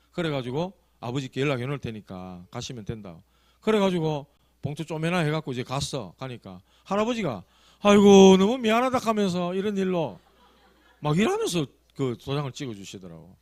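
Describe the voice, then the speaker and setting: Storytelling Korean pastor with lively pitch. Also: male voice, no room sound. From South Korea. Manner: storytelling, conversational with rising emphasis. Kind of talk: sermon. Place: church sanctuary.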